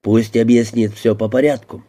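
A man voicing a calm, fatherly male police detective who speaks gently and reasonably to a suspect. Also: on the low side, normal speed, lightly acted. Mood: reasonable. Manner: soothing, reasonable.

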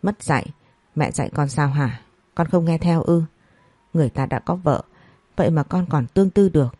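A woman's voice: low-pitched, normal speed, mellow, husky, dry recording. A woman voicing an angry, heartbroken middle-aged mother scolding her daughter.

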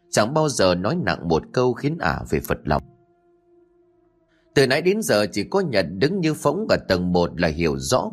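A man narrating a scripted horror story in a lively, expressive way. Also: lowish voice.

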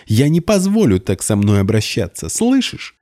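A man voicing a spoiled, scheming young woman who talks in a shrill, shrieking way. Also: very animated, moderate pace, warm tone. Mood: shrill anger. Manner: shrill, shrieking, mock-hurt.

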